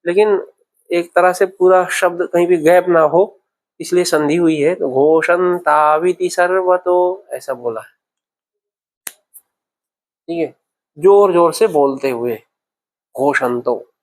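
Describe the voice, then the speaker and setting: Slow, high-voiced man teaching Sanskrit. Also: darkish tone. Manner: patient, repeats words slowly, asks "okay?" often. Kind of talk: classroom grammar lesson. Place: classroom at a temple centre.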